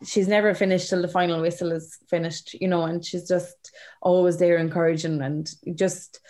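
A woman's voice: fairly low pitch, little pitch movement, moderate pace, warm tone. An Irish woman being interviewed as a sports player, chatting casually and leaning on "like" and "you know".

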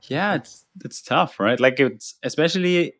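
A man hosting a podcast, asking curious, halting questions in a casual interview. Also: on the high side, fairly bright tone, dry recording, studio quality. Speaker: podcast host.

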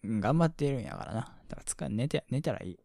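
A man with a Kansai accent hosting a relaxed late-night sleep radio show, reading listener comments in a soft, mumbly, slightly slurred voice that chuckles quietly and drifts into near-whispers. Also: medium pitch, fast talker, creaky, no room sound, studio quality. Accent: Kansai Japanese.

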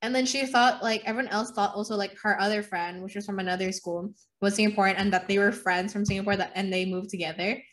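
A woman's voice: mid-range voice, fairly even intonation, quick pace, few pauses, fairly bright tone. Teen girl from indonesia, blunt, teasing her friend, mid voice. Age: teens. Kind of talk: casual chat.

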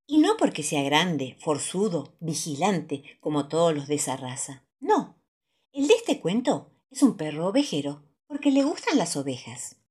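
Woman, rioplatense accent, children's story reading, lively sing-song, lowish voice. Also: measured pace, breathy edge. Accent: Rioplatense Spanish. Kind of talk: reading children's stories aloud.

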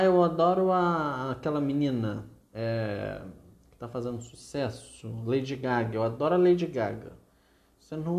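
A Brazilian Portuguese-accented man teaching a literature class over a video call. His pitch sits in the middle, and his talk wanders and restarts as he gives examples. The sound carries a roomy echo. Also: a little mellow. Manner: chatty, digressive, self-correcting. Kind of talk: online literature lesson.

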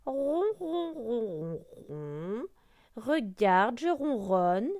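A woman's voice: sing-song, takes it slowly, darkish tone, no room sound, studio quality, full character voice. A woman voicing a smug, mean cat who purrs. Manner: purring, swooping pitch.

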